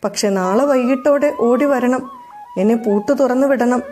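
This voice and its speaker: A woman's voice: a little high, a little slow, darkish tone, faint music behind, close to an everyday voice. A woman voicing a playful, mischievous little neighbor girl who teases and coaxes in a raised voice. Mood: sly, playful. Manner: teasing, coaxing.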